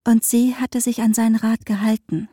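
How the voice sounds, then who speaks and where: A woman narrating a novel in an even, measured way. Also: fairly high pitch, dry recording, studio quality. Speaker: audiobook narrator.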